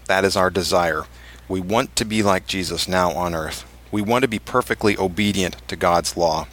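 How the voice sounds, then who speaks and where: A man hosting a religious podcast, reading scripted material and quotations in a measured, emphatic way and moderating a panel. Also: fairly low pitch, pushed and bright. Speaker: podcast host, church elder.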